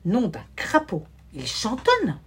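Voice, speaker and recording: A woman's voice: a little high, huge pitch swings, takes it slowly, slightly rough, exaggerated voice. Woman playing a grumbling wicked wizard. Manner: muttering, exclaiming comic oaths. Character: grumbling wicked male wizard, cranky and muttering.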